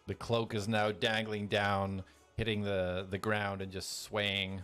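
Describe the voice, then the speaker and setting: A man acting as game master, narrating a fantasy tabletop game in descriptive, drawn-out phrases. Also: on the low side, little pitch movement, a bit bright, clear, resonant tone. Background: background music.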